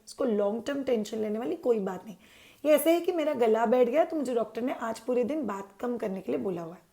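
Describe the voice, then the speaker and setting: A woman with a fairly high, creaky yet mellow voice runs a parenting channel. She talks parents through baby care conversationally, slipping in English words and posing questions she then answers herself.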